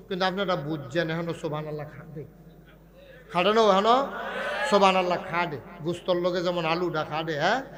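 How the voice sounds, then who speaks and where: High voiced preacher guy, singsong chanting, keeps quizzing the crowd. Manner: sing-song chanting, teasing the audience with questions. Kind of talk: humorous sermon to a crowd.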